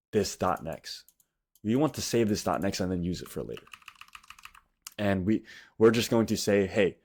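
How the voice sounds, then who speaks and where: A man in his twenties with a slight lisp from wearing a retainer, giving a casual coding tutorial in informal, slangy, broken phrases. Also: on the low side. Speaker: tutorial host.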